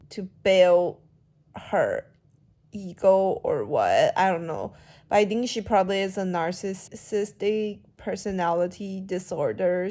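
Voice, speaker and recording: A young woman with a Chinese accent and a soft, sleepy way of talking, vlogging late at night. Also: mid-range voice. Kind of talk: casual late-night vlog.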